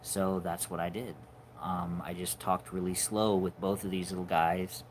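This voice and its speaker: Man in his forties, deep low voice, casual livestream host, halting and musing, faint hum behind. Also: level tone. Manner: halting, musing, trails off softly. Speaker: animator hosting a livestream.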